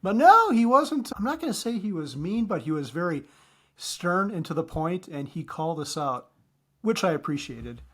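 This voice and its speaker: Man podcast co-host, casual chat, quick talker who trips over his words. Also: high-pitched, very animated, fairly bright tone, husky. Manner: talks fast, stumbles and repeats words.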